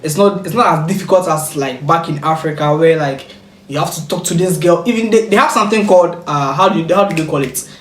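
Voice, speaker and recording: A reaction video host from Ghana, chatting casually and explaining clips to viewers in an animated way. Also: medium pitch, quick pace. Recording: echoey room with faint noise.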